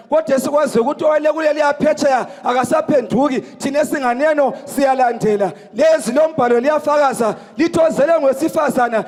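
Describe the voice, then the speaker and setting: Guy shouting out praise poems fast, super high voice, big echoey hall. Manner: declaiming, calling out in bursts. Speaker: praise poet. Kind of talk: shouted praise poetry recitation.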